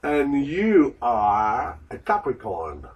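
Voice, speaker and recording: Brief: male lesson voice, slow, deliberate repetition, lively pitch, off-mic. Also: distant mic, highs cut off, heavy background noise. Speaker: lesson model voice repeating lines. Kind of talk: slow repeat-after-me drills.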